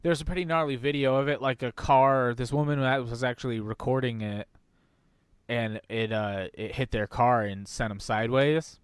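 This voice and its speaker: A man's voice: medium pitch, normal speed, clear, resonant tone, no echo. A man chatting casually as a podcast co-host, laid-back, slangy and often hedging. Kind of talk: casual chat.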